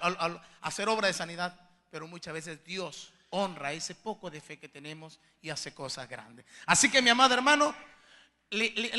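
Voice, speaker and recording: A male pastor preaching a sermon, moving between soft, intimate asides and loud, emphatic climaxes, fervent and pleading, often repeating words as he searches for phrasing. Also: high-pitched, long reverb tail. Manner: fervent and pleading, addressing listeners as beloved brothers.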